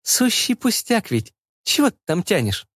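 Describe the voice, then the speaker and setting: A man's voice: sits high, very animated, measured pace, fairly bright tone, husky, dry recording, clean studio sound, voice pushed up, heavily acted. A man voicing a bossy, meddling middle-aged mother who scolds and fusses over her son. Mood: insistent. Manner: insistent, scolding, fussy.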